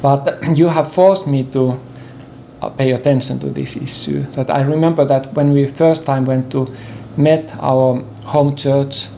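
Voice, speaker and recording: An older Finnish man, a native Finnish speaker, talks slowly and haltingly in English as an interview guest, picking his words carefully, pausing for fillers and clearing his throat. His mid-range voice is dark, gravelly and steady. It's a personal conversation on a sofa in a living room with bookshelves, with a little hiss or hum.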